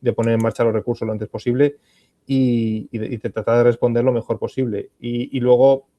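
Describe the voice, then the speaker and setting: A man's voice: medium pitch, flat delivery, fairly quick, no echo, muffled recording. A man with a Spanish accent answering questions as an expert on a conference panel, thoughtful and hesitant, often restarting his sentences. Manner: thoughtful, many fillers and restarts. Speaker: panel expert on ESG reporting.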